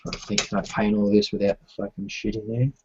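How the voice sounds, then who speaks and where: A man's voice: on the low side, little pitch movement, normal speed, background noise. A man chatting casually and slangily about his hobby, with some swearing, on a group call. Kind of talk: casual hobby chat while building models. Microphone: online group call microphone. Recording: dull, lo-fi call audio.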